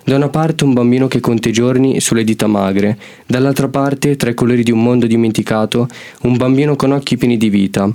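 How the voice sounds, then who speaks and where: A man's voice: mid-range voice, brisk, few pauses. A teenage boy, a student, explaining his poem hesitantly and then reading it out. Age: teens. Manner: hesitant when talking, steady when reading. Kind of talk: poetry reading.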